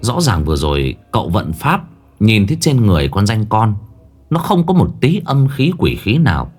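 A man's voice: lowish voice, huge pitch swings, normal speed, darkish tone, breathy edge. A man narrating a horror story with dramatic, suspenseful delivery.

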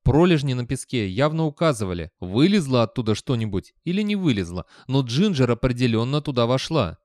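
A man's voice: medium pitch, sing-song, brisk, darkish tone, no room sound. Man narrating an audiobook, dry sound.

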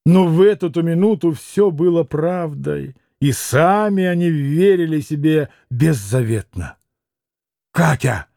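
A man reading a classic novel aloud as an audiobook narrator, steady and measured. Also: on the high side, creaky, no room sound, clean studio sound.

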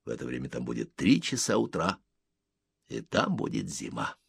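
A man narrating an audiobook in an expressive storytelling reading. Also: rumbling low, normal speed, creaky, husky, dry recording. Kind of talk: scripted narration.

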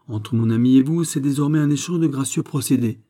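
A man voicing a boisterous, boastful giant swordsman in an audiobook, with a husky, booming, jovial delivery. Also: fairly quick, dark tone, natural voice. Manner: jovial, booming, raised pitch. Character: boisterous giant old-style swordsman nobleman, hearty, boastful. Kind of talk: audiobook character voice.

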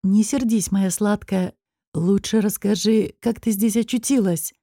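A woman's voice: medium pitch, steady tone, unhurried, mellow, no room sound, studio quality. A woman reading the lines of a playful, affectionate male demon in an audiobook, in a teasing, coaxing way. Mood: tender.

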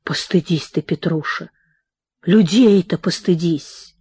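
A woman reading the part of a meek, anxious mother and merchant's wife, gentle and pleading. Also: lowish voice, slow, husky, no room sound, heavily acted.

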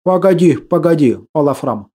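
Guy doing a wise old grandpa, slow and solemn, mellow warm tone, audiobook. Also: a little high, animated. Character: wise old man, calm and kindly.

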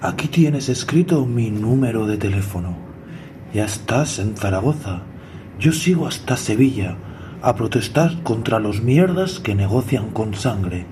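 In a radio drama, a man with a fairly low, expressive voice plays a self-assured antimilitarist train passenger, speaking a little slowly in an earnest, boastful, lecturing way. The background is clearly noisy.

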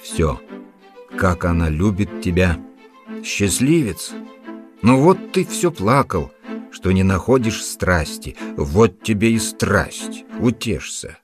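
A man's voice: low-pitched, very animated, slow, soft background music, heavily acted. A man reading the part of a worldly middle-aged uncle, ironic and teasing in a storybook reading.

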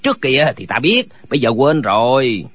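A man's voice: medium pitch, very animated, normal speed, a bit bright, husky. A man voicing a band of quarrelsome, dim-witted old martial immortals in a radio drama, arguing pedantically. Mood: bickering.

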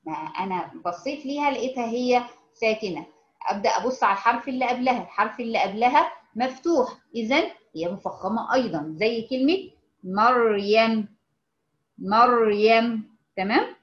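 A woman with an Egyptian Arabic accent teaching recitation, explaining patiently and modeling words slowly with repetition. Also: a little high, expressive, reverberant, dull audio. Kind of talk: informal online lesson.

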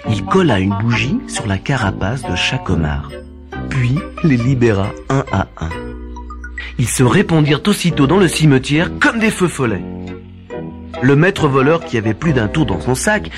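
Man narrating a children's tale, lively. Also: medium pitch, a little slow. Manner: expressive, animated reading. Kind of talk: scripted storytelling for children. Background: faint background music.

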